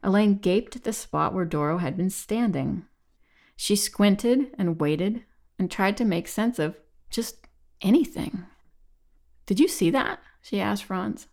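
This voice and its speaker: Gravelly-voiced woman narrating a novel. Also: mid-range voice, a little slow, a little mellow. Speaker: audiobook narrator. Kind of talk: scripted audiobook narration.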